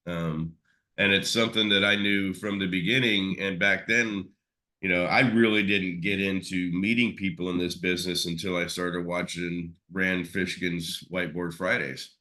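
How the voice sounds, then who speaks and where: Male interview guest, deep and bright-toned, loose rambling delivery. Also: fairly even intonation, normal speed. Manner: rambling, many fillers and restarts. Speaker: SEO expert guest. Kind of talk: casual interview chat.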